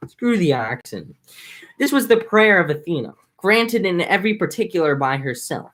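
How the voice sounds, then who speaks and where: Woman reader, casual epic read-along, joking asides, lively pitch. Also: fairly quick. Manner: irreverent, chatty, self-mocking asides. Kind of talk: casual reading aloud with asides.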